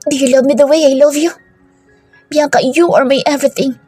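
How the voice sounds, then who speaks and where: A woman voicing an earnest young man who softly pleads his love in a storybook romance reading. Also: high-pitched, steady tone, a little fast, no room sound, soft background music, lightly acted. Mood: pleading. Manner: soft, pleading, mixing Tagalog and English.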